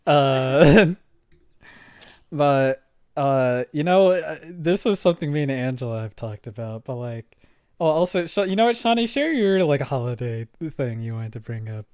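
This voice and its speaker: Give me a male podcast host who laughs a lot in casual chat, with a lively, swooping pitch. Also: a little slow, smooth, dry recording, studio quality. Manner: laughs often, asks "okay?" for agreement.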